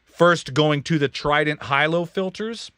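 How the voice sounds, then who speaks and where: Hosting a relaxed livestream in his recording studio's control room, a man from Kansas explains his drum mic setup, rambling along with jokes and self-corrections. His slightly high voice is unhurried, bright and forceful, with a clear, resonant tone. The recording is dry.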